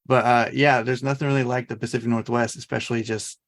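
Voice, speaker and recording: A man's voice: mid-range voice, little pitch movement, fast talker. A man from Oregon hosting a podcast, casual and laid-back, affirming his guest often. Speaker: podcast host. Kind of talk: casual chat.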